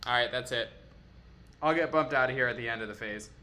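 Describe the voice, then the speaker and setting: A man's voice: mid-range voice, brisk, pushed and bright. A man playing a card game aloud, explaining his moves in a playful way and laughing often. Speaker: player.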